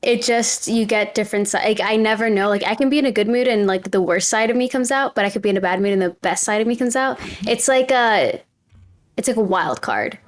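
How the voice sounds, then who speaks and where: A woman's voice: medium pitch, a little fast. A woman in casual chat, speaking candidly about herself.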